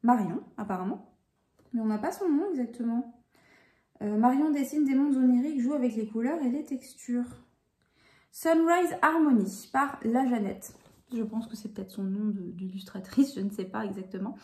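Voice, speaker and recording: A woman's voice: fairly high pitch, normal speed, warm tone. Chatty woman in an echoey room. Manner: chatty, enthusiastic, many fillers. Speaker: puzzle vlogger. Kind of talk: casual haul vlog.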